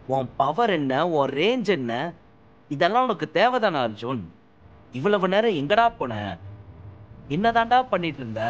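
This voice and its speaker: A man playing a hot-tempered young man who scolds his friend loudly and in exasperation, but cares, with music in the background. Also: high voice, dull audio. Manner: loud, exasperated, rapid-fire scolding. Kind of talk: audiobook drama acting.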